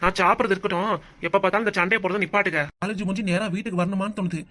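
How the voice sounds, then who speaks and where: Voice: medium pitch, steady tone, racing, bright, forceful tone, natural voice. A voice actor playing a young adult college-going son in a cartoon, talking plainly and pleading to keep the peace at home. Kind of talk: cartoon voice acting.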